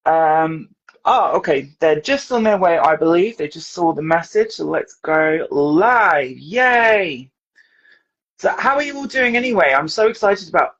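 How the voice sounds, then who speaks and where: A woman from the UK hosting a casual live stream from her dressing room, chatty and laughing while sorting out tech, with a hoarse voice. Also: low voice, lively intonation, a little slow, dull audio. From United Kingdom. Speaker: podcast host.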